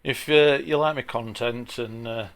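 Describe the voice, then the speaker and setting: A man with a broad Yorkshire accent talking through an informal software tutorial in a plain-spoken, chatty way, with a gravelly voice. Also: medium pitch, measured pace, very noisy. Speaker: tutorial presenter.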